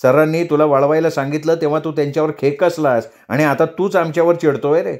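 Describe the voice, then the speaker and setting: A man's voice: a little high, fairly even intonation, fairly quick, a little mellow, natural voice. Male passenger figure, storyteller voicing him, sarcastic, exasperated. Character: irritated adult male passenger.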